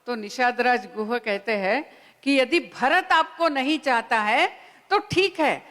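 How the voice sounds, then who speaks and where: A woman giving a spiritual lecture at a conference, retelling scripture in an unhurried storytelling manner and voicing the lines of its characters. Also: high-pitched, a bit bright, big-room sound. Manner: unhurried storytelling with quoted dialogue. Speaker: speaker at a Ramayana conference. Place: conference hall.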